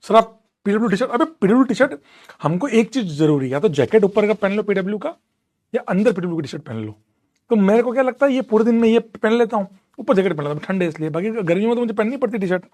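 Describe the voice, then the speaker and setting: A young man with a high-pitched, dark-toned voice talks very fast and animatedly while teaching a live online class from a room at home. He answers students in a chatty, teasing style of casual class banter.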